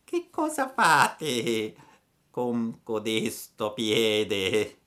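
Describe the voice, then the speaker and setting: A man voicing a placid, unhurried female snail in a storybook reading, with a slow drawl. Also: medium pitch, wildly swooping pitch, pushed and bright, exaggerated voice.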